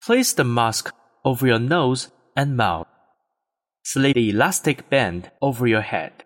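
A man delivers formal in-flight safety instructions, his pitch moving freely up and down. A long reverb trails behind each phrase. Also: measured pace. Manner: formal, even announcement delivery. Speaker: cabin announcement reader. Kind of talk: scripted in-flight announcement.

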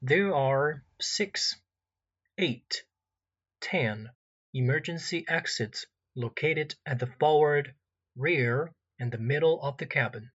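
A man delivers airline cabin announcements in a formal, measured, template-like way. His voice is bright and forceful. The recording sounds slightly dull and lo-fi. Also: on the high side, husky. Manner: formal, measured template reading with gaps for details. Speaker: in-flight announcer.

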